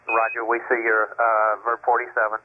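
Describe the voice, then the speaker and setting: A man speaking as mission control's communicator over a radio link that keeps breaking up, brisk and procedural, in clipped radio protocol. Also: on the low side, completely flat delivery. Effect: radio transmission breaking up. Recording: crackly narrowband radio link with hiss.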